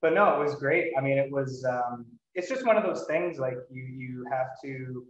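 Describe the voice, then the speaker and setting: Here a man of medium pitch and moderate pace hosts an interview podcast in person indoors. His casual chat is hesitant, rambling and self-deprecating. Without a windscreen and set some way off, the mic picks him up dull and distant in an echoey room.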